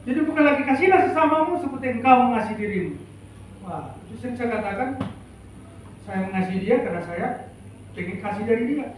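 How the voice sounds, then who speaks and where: Emphatic pastor in an echoey church. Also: male voice, very high-pitched, animated, fast talker, a little hiss or hum. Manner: emphatic, calls out to the congregation for replies. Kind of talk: sermon. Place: church sanctuary. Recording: echoey church hall, mic far off.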